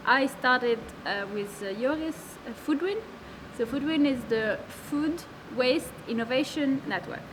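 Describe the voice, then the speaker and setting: A woman in her twenties, from Lebanon and France, talks about the food waste network she founded in a high-pitched, unhurried voice with few pauses. Her casual answers are full of fillers and restarts, and the background is noisy.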